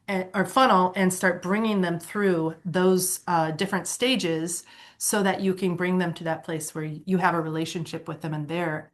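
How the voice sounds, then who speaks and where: Her voice sits lowish yet sounds fairly bright: an Ohio woman presenting a nonprofit board training workshop. She talks in a relaxed way, using fillers and correcting herself, and turns enthusiastic while sharing her own experience.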